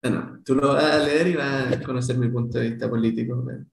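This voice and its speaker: Chilean man guest, gravelly, talkative and animated, echoey room. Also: mid-range voice, brisk, slight background noise. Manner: animated, talkative, many restarts. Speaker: guest, SAP SuccessFactors consultant. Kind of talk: casual interview chat.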